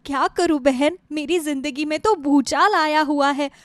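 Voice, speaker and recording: A woman's voice: high voice, unhurried, no echo. A woman voicing a distraught young bride in a storybook tale, speaking in a tearful, pleading manner.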